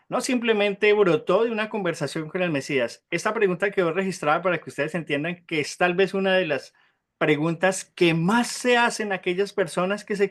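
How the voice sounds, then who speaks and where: A man teaching an interactive Bible class, often asking the group questions and checking in with a quick "right?", and slowly spelling out Hebrew terms. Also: sits high, fairly bright tone.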